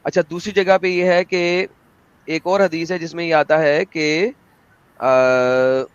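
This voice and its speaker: A young man with a slightly high, steady voice and a clean tone hosts an online debate over a video call, speaking slowly. His delivery is theatrical, emphatic and combative. The recording is dry, dull and lo-fi.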